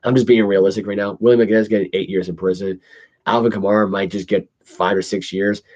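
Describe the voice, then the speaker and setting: A man with a fairly low voice talks through news stories as a casual podcast host. He reads haltingly and trips over longer words, with loose articulation. The recording sounds dull and lo-fi. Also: level tone, darkish tone. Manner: halting, stumbles over words when reading. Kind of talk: casual news commentary, reading articles aloud. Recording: dull lo-fi audio.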